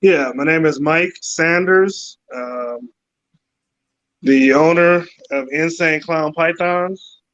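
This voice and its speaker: A man talking in an easygoing, halting way as a guest on a casual interview, heard over a choppy phone video-call connection that cuts out. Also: a little high, fairly bright tone. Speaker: guest, python breeder. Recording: dull lo-fi phone audio cutting out.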